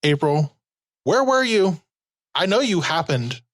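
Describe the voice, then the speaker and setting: A woman's voice: on the low side, sing-song, takes it slowly. A woman from California hosting a podcast, joking and bantering casually with her guest. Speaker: podcast host. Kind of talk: casual chat.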